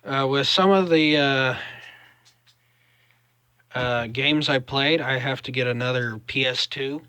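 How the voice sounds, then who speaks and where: A young man with a Southern US drawl, chatting casually to camera in a halting, rambling vlog style. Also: mid-range voice, pushed and bright, clear, resonant tone, dry recording. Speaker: vlogger.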